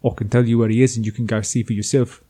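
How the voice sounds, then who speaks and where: A man's voice: medium pitch, little pitch movement, fast, warm tone, close to an everyday voice. A man voicing a cocky male gang member in a put-on South African accent, speaking in a wry, bargaining way. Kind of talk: game master voicing a character.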